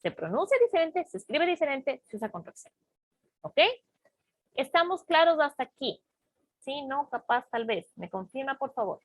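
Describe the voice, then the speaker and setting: A woman teaching an English class, explaining grammar slowly and patiently and checking often that students follow. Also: high voice, very animated, no echo. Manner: slow, patient explaining with frequent check-ins. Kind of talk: online class lesson.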